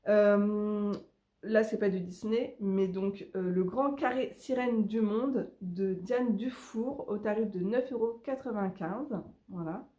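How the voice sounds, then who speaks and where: A woman's voice: medium pitch, darkish tone. Chatty enthusiastic woman in an echoey room. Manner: chatty, enthusiastic, many hesitations. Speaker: coloring book vlogger. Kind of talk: casual chat about upcoming book releases.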